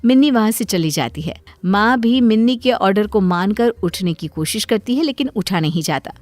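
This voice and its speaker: A woman's voice: mid-range voice, animated, normal speed, a little mellow, no echo, faint music behind. Woman narrating a cartoon story, dry.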